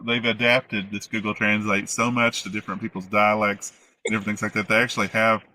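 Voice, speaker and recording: A man with an Appalachian accent talks as a casual interview guest. His voice is a little low but bright and forward. He rambles along, feeling his way hesitantly through each answer. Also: little pitch movement, a little fast, poor audio. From United States. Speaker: interview guest, former flight attendant. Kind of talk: casual conversational storytelling.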